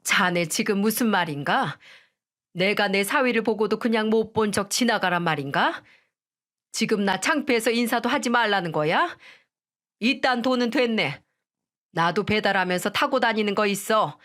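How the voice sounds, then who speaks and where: A woman's voice: mid-range voice, normal speed, fairly bright tone, close to an everyday voice. A woman voicing a proud older mother-in-law who speaks in an indignant, scolding way.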